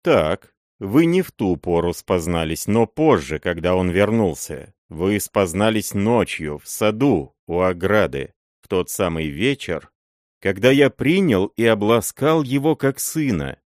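Мужчина читает за сурового старого боярина. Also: male voice, low-pitched, very animated, no echo, clean studio sound. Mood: холодный гнев. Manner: bitter, cold, measured reproach. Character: stern old boyar, jealous betrayed husband.

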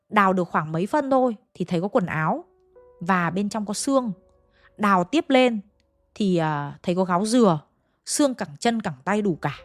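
A woman's voice: medium pitch, no room sound. Chatty woman telling ghost stories. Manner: chatty, addresses listeners directly. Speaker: storyteller. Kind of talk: ghost story narration.

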